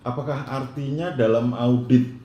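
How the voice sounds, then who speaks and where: A man's voice: medium pitch, steady tone, normal speed, mellow, highs cut off. A man asking questions as an interviewer. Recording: roomy echo, faint background noise.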